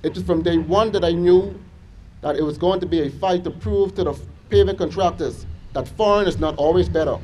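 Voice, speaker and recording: A man's voice: high voice, warm tone, slight background noise, rough recording. Earnest young Bahamian man giving a speech. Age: young adult. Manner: earnest, measured, list-like delivery with small restarts. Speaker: business owner giving a school speech. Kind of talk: motivational speech to students. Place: school assembly hall.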